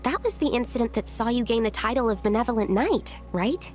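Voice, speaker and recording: A woman's voice: fairly high pitch, lively intonation, a little fast, a little mellow, soft background music, close to an everyday voice. A woman voicing an earnest, attentive researcher in a video game, polite and precise. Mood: concerned.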